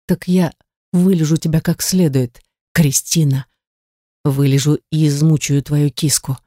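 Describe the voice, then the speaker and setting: A woman's voice: low voice, fairly even intonation, measured pace, warm tone, dry recording, studio quality. A woman voicing a teasing, self-assured male lover. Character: commanding, teasing man, a dominant lover.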